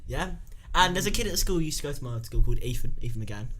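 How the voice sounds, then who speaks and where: A young man tells a rambling school story with real animation. His voice is bright and forward, and his pitch leaps up and down as he laughs his way through. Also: expressive, very fast. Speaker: podcast co-host. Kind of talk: casual storytelling chat.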